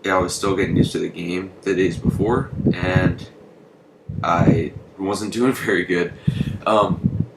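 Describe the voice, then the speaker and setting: Young dude rambling about a game, shivering a bit, lots of ums, deep voice, echoey with loud fan noise. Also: male voice, steady tone, unhurried, creaky. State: shivering from the cold. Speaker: gaming channel host. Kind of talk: casual gameplay commentary. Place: bedroom with a fan running.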